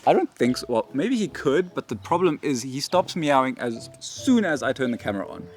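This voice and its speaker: A man's voice: medium pitch, very animated, brisk, soft background music. A South African man co-hosting a cat vlog, reading viewer questions in a laid-back way. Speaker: cat channel co-host.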